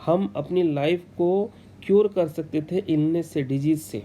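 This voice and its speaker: Male chemistry teacher, slow unhurried delivery, warm dark tone, faint background hiss. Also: on the high side. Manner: mixes Hindi and English, slows down for English definitions; encouraging, addresses students as children. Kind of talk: classroom lecture.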